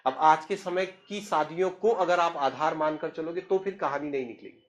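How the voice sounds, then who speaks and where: A man's voice: on the high side, moderate pace. A man, telling a story in a chatty, humorous way and speaking straight to the listener. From Uttarakhand, India. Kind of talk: casual spoken storytelling.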